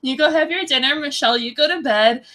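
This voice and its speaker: A woman podcast host with a Californian accent, chatting casually and telling stories in an animated way. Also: high voice, quick pace, rough recording. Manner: animated storyteller.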